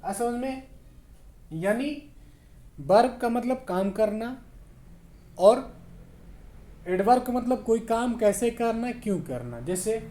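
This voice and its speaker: Slow, patient male English teacher. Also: extremely high pitch, lively intonation, warm tone. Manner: slow, repetitive, checks understanding often. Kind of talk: spoken English lesson in Hindi.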